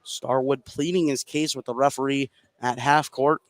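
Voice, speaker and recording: The play-by-play here comes from a man with a medium-pitched, steady voice at a moderate pace, recorded dry. He follows a live basketball game in clipped present-tense phrases, with the gym's game noise clearly audible behind the commentary.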